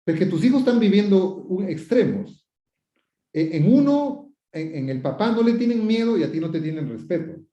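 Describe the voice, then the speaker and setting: This psychotherapist sits high in pitch, speaking in a sing-song way at a moderate pace with a dark tone. He answers viewers' questions with advice, repeating himself often, posing rhetorical questions, quoting questioners and performing sample lines. The sound is lo-fi, dull and roomy.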